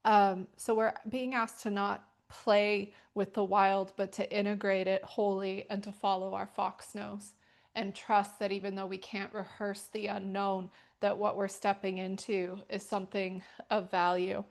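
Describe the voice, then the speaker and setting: A woman's voice: mid-range voice, level tone, measured pace, creaky. A middle-aged woman teaching a yoga class and telling stories, talking casually and rambling with many fillers. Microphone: wearing a microphone.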